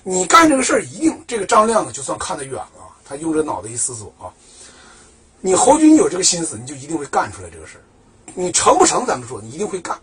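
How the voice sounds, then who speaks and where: Fast and fairly high-pitched, a man narrates a piece of history in a loose, colloquial manner. Lively and chatty, he asks himself questions and supplies the answers.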